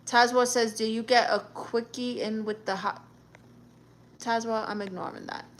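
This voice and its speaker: Hosting a live stream, a Brooklyn woman with a New York accent reads viewer comments aloud, brash, sassy and joking. Her voice sits a little high, with a steady tone and moderate pace.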